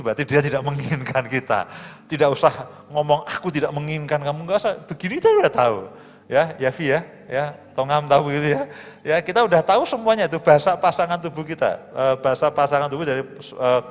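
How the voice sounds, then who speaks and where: A man, a pastor preaching a sermon in a conversational, lively way with humor and asides. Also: fairly high pitch, a little fast. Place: large church hall. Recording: live church stream, hall reverb, soft music.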